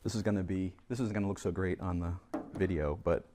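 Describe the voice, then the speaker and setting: A man's voice: low-pitched, quick pace, noisy background. A man teaching a chemistry class, coaxing and teasing students as he goes over review problems. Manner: lively, teasing, coaxes students to answer. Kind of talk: classroom lesson.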